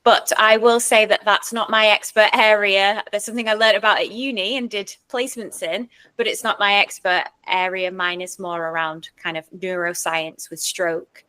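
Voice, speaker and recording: A woman talks as a speaking coach and speech therapist, laying out her points one by one in a steady, mid-pitched voice. Her explanations are clear and structured, and now and then she demonstrates a technique with her own voice. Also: moderate pace, few pauses. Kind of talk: expert answering interview questions.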